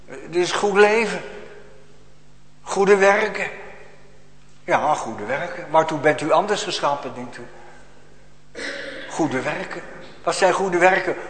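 A male pastor delivering a sermon in an emphatic, admonishing way, with pointed rhetorical questions to his congregation. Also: on the high side. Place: church. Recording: echoey church hall, long reverb.

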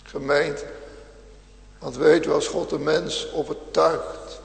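A man preaching a sermon as pastor, in a slow, swelling cadence with repeated phrases. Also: a little high, level tone, creaky. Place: large church hall. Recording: echoey church, long reverb.

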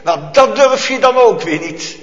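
A man with a somewhat high voice preaches a fervent, animated sermon at a measured pace, swinging between loud outbursts and hushed, almost whispered passages. The dull, lo-fi recording carries a long reverb from the echoey church hall.

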